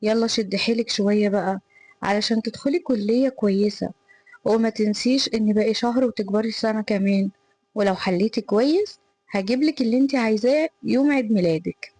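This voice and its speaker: A woman's voice: a little high, fairly quick, warm tone, no room sound, natural voice, low-quality recording. A woman reading the part of a protective older brother in an Egyptian Arabic accent, concerned and insistent.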